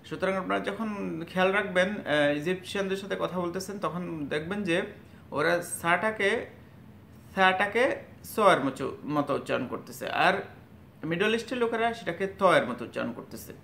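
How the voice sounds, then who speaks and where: A man giving a spoken lesson on letter sounds, halting and full of fillers, sounding each letter out slowly and loudly. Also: animated, gravelly. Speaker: Arabic teacher. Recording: echoey room with faint rumble.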